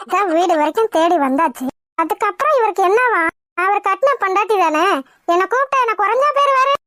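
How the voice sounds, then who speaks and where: A woman's voice: very high-pitched, lively intonation, fairly quick, fairly bright tone, dry recording, clean studio sound. A woman voicing a proud, stubborn young wife in a cartoon, sulking and scolding her husband indignantly. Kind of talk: cartoon voice acting.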